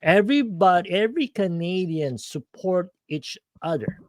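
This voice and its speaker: Excitable man hosting a chat show. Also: high voice, normal speed, no echo. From United States. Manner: excitable, stammering restarts. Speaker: podcast host. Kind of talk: casual stream chat.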